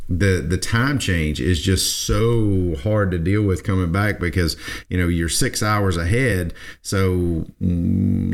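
A man from South Georgia, hosting a podcast in casual, rambling chat full of restarts. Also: low voice. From South Georgia, USA. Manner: rambling, folksy, with many restarts. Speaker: podcast host.

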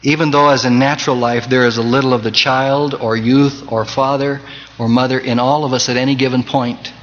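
A male pastor delivering a Sunday sermon, swinging from loud emphasis to soft, close tones and quoting scripture in old-fashioned cadence. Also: mid-range voice, steady tone, a little fast. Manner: preaching with wide swings in loudness and emphasis. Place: church sanctuary. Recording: dull 1980s church tape with long reverb.

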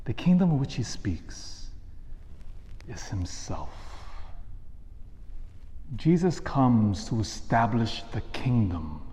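A man's voice: mid-range voice, sing-song, slow pace, long pauses, mellow. Priest preaching in long cathedral echo, man's voice. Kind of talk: scripture reading and homily. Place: large reverberant church.

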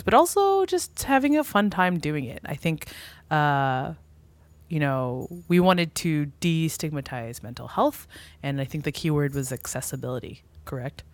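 A woman co-hosting a podcast in casual chat, telling stories with lots of laughter. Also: low voice. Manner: giggly, animated storytelling. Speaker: podcast co-host.

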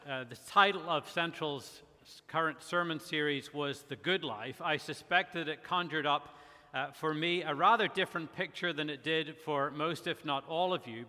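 Bright-voiced middle-aged man preaching in a hall. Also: on the high side. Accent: faint Northern Irish. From Northern Ireland. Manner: measured, with frequent "uh" fillers. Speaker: guest pastor. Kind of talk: sermon. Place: church sanctuary. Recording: long church reverb.

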